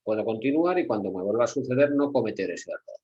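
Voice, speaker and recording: A man's voice: on the low side, animated, quick pace, husky, muffled recording. A middle-aged man from Spain with a Spanish accent, lecturing at a workshop for security staff, repeating key words and asking rhetorical questions. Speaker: security trainer.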